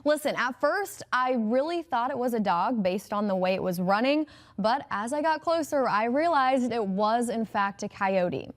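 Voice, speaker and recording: Female TV anchor, slightly high-pitched, brisk and upbeat scripted delivery. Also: animated. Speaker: news anchor. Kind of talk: scripted news reading.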